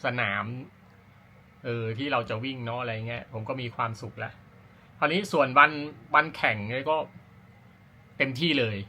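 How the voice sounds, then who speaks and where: Male vlogger, medium pitch, sharp bright voice, informal and rambling amateur-runner chat. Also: moderate pace, long pauses, slight background noise. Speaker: amateur runner hosting a running vlog. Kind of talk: casual talk to camera about personal routine.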